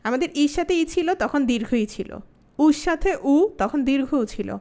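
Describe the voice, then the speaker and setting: Teaching an online grammar class, a woman with a Bangladeshi Bengali accent asks her students lots of questions. She says example words slowly, one at a time, before explaining the rule. Her high voice has a darkish tone and lively intonation.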